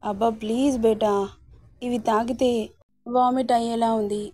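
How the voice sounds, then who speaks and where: A woman's voice: on the high side, steady tone, measured pace, warm tone, dry recording. A woman voicing a feverish young mother in a read-aloud story, speaking in a weak, pleading way. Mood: weary. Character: sick, tearful young mother.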